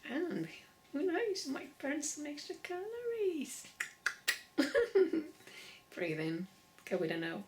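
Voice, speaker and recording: A woman's voice: high-pitched, huge pitch swings, unhurried, rough recording. A woman leading a laughter yoga session, playful, laughing often and chanting vowel sounds. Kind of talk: guided exercise session.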